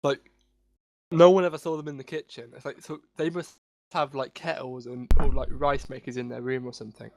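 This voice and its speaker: A man's voice: medium pitch, little pitch movement, a little fast, creaky, noisy background. A young man from England co-hosting a casual podcast chat, talking while he eats in a laid-back way. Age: young adult. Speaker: podcast co-host. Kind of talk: casual chat over a call.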